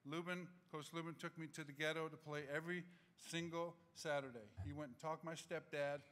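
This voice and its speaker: A man in his sixties giving an animated, humorous acceptance speech from a podium microphone in a large auditorium. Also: fairly high pitch, fairly quick. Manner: animated, gesturing, humorous anecdotes.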